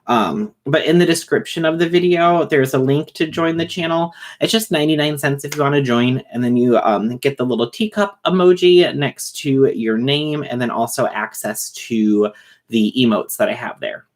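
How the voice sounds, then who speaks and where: A man hosting a casual livestream who talks fast and rambles, with many fillers and restarts. He is short on sleep. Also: mid-range voice. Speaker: livestream host reading chat.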